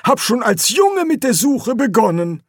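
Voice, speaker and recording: A man's voice: very high-pitched, very animated, measured pace, dry recording, studio quality, pitched above the performer's own voice, full character voice. A man reading an audiobook, voicing a proud, naive old male explorer. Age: older. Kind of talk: audiobook character voice.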